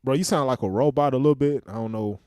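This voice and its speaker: A man's voice: medium pitch, quick pace, a little mellow, clean tone, dry recording, clean studio sound. Laid-back slangy man hosting a livestream panel. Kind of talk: casual chat.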